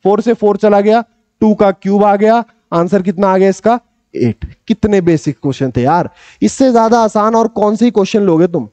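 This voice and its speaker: A young man teaching a maths lesson in an energetic, coaxing tutoring style, repeating questions back to his students and calling himself their big brother. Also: high voice, normal speed, dry recording. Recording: dull, slightly lo-fi dry recording.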